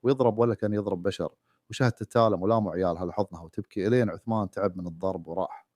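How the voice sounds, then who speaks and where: A man tells a sad story with a steady, even delivery. His voice is deep and very fast. It is recorded close and dry, with no echo. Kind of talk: storytelling narration.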